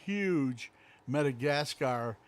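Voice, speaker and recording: Man, middle-aged, rambling easygoing chat, local talk show co-host, medium pitch. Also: lively intonation, slow, clear, resonant tone. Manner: rambling, easygoing, many fillers. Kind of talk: casual chat.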